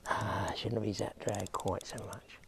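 A man's voice: fairly low pitch, level tone, unhurried, creaky, a bit bright, slight background noise. A man vlogging outdoors by a lake, chatting straight to his viewers as he fishes. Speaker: fishing vlogger. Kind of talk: casual outdoor commentary.

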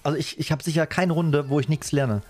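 A man's voice: a little high, fairly quick, darkish tone. A man in his thirties chatting casually as he streams his gameplay from a room indoors. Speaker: game streamer. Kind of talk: casual live gaming chat.

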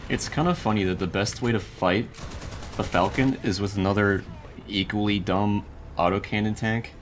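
A man's voice: on the low side, steady tone, moderate pace, a little hiss or hum. A young man giving casual, dry and wry commentary over his own gameplay, laughing now and then. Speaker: gaming YouTuber.

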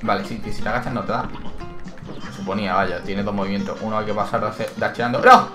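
On the low side and fast-talking, this gaming channel host gets excitable during his Let's Play, crying out when hit. He reads menu text aloud and narrates his thoughts as game music plays in an echoing room.

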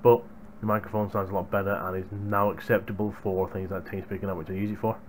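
Recorded through a gaming headset boom mic in a small room at home, this young adult reviewer of hardware chats casually to his audience. He speaks fast in a lowish voice with a level tone, and there's a little hiss or hum.

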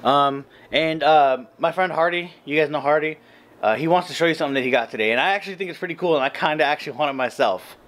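Late at night in a small hotel room, a man in his thirties vlogs casually with a handheld camera held close to his face. Very tired, he talks slowly and rambles with lots of fillers, his voice on the high side with a fairly bright tone.

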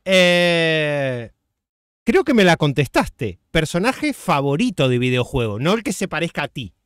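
A man hosting a casual video-call interview, relaxed and chatty, asking about games. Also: fairly high pitch, unhurried, clean tone, dry recording, studio quality. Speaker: interview host.

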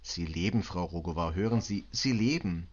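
A man voicing a calm, patient male police detective who speaks steadily and reassuringly. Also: deep voice, normal speed, husky, dull audio. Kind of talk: audiobook reading.

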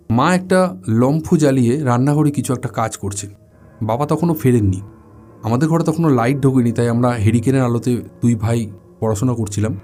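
A medium-pitched man relates a first-person ghost story in a relaxed, conversational manner, slipping in English words. Faint music plays in the background.

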